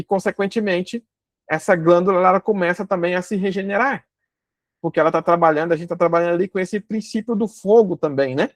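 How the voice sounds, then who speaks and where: A woman giving a calm spoken lesson, explaining step by step with frequent fillers and restarts. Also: lowish voice, no room sound. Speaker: instructor.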